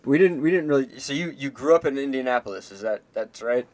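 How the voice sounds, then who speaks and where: A man hosting a casual interview, quick and easygoing with joking asides. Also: mid-range voice, expressive, darkish tone, no room sound. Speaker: host.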